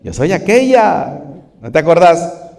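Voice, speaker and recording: Priest putting on a coy, wheedling woman's voice, raised high, church reverb. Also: sing-song, a little slow, gravelly, darkish tone, heavily acted. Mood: teasing. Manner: teasing, coaxing, high put-on voice. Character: sly flirtatious woman from the bishop's past.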